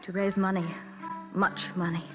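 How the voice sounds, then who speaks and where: A woman's voice: mid-range voice, level tone, moderate pace, over music, natural voice. A woman playing an anxious, imperious princess in a radio drama, urgent and dramatic. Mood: intense, secretive. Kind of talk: old-time radio drama acting.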